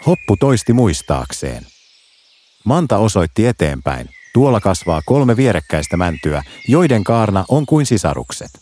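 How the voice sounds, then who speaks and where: A man narrating a children's bedtime story in a gentle, lilting way. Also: fairly low pitch, big pitch swings.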